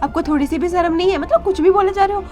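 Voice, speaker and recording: An actress playing an indignant young sister-in-law in a scripted short drama. She speaks in a quick, scolding way. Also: extremely high pitch, a little mellow, echoey room, in a large hall, soft background music.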